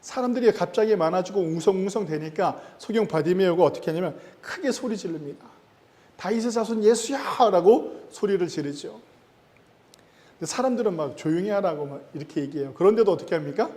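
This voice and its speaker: Pastor, man, high mellow voice, emphatic preaching, long church-hall reverb. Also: animated, fast. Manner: emphatic preaching with rising stress and sudden drops in loudness. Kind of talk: sermon. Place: church sanctuary.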